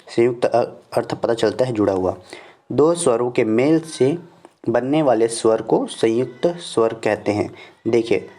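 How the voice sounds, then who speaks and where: A man with a Chhattisgarh Hindi accent teaching a slide-based grammar lesson, explaining step by step, repeating definitions slowly and saying "okay" after each point. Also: mid-range voice, warm tone. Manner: explains step by step, often addressing viewers as "friends".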